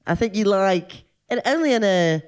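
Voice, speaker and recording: A woman's voice: medium pitch, normal speed, clean tone. A woman comedian chatting casually on a podcast, rambling and poking fun at herself. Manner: animated, rambling, self-mocking. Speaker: comedian guest.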